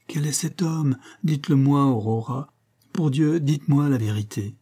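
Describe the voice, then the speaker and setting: Devoted, anxious husband in a storybook reading, earnest and pleading, a man reading him in a dark, husky voice. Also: medium pitch, moderate pace, pitched above the performer's own voice, natural voice.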